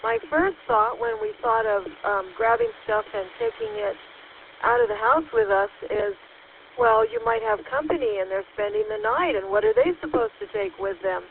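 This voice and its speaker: A woman's voice: very high-pitched, very animated, normal speed, vocal fry. A woman checking in over a walkie-talkie, answering by call sign and thinking aloud in a rambling way with many fillers. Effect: heard over a walkie-talkie radio. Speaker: caller checking in to a radio net. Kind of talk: radio net check-in chat. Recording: tinny two-way radio with faint hiss.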